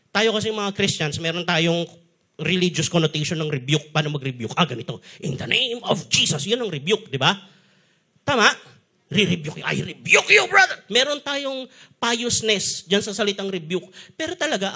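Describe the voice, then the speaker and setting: A man with a Filipino accent preaching a sermon, mixing Tagalog and English and acting out the quotes he tells. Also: on the high side. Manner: animated storyteller, switching between Tagalog and English, acting out quotes. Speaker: pastor.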